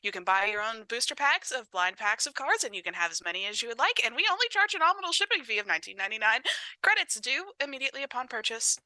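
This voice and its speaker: A woman putting on a polished, perky customer-service saleswoman, giving a sugary mock sales pitch in a tabletop game. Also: big pitch swings, fast talker, sharp tone, no room sound, exaggerated voice, low-quality recording. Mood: perky, salesy.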